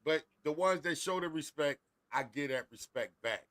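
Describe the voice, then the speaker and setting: On his podcast, the profane host in his forties laughs his way through stories, loudly mimicking and mocking elders as he chats. His voice runs on the high side with lively intonation at a normal speed, on a dry recording.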